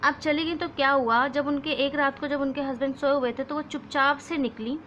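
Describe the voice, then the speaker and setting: High-voiced woman teaching children. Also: fairly even intonation, normal speed, a bit bright, a little hiss or hum. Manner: mixes Hindi and English, addresses children as "beta". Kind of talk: explaining a school lesson.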